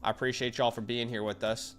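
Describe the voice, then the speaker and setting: A man's voice: medium pitch, level tone, fairly quick, fairly bright tone, faint music behind. A man hosting a casual fantasy football livestream, talking upbeat and straight to his chat through a headset mic. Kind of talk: casual live-stream chat.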